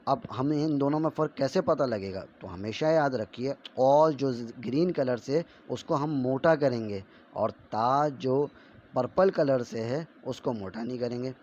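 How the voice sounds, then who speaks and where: Male teacher; slow, loud, drawn-out syllable drills, faster and quieter when explaining; dull lo-fi recording. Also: medium pitch, a little hiss or hum. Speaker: Quran reading teacher.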